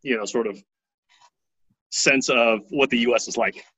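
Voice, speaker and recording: Bright-voiced man telling stories casually. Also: medium pitch, moderate pace, breathy edge, muffled recording. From Taiwan. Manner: relaxed, often tags lines with "right?". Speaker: interview guest. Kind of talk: casual storytelling.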